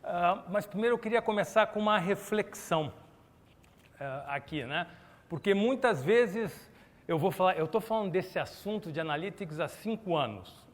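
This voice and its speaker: A middle-aged Brazilian conference speaker keeps his lively corporate keynote chatty and animated, polling listeners with questions and calls for raised hands. His voice is high-pitched and his speed normal. The sound carries a conference hall's long reverb.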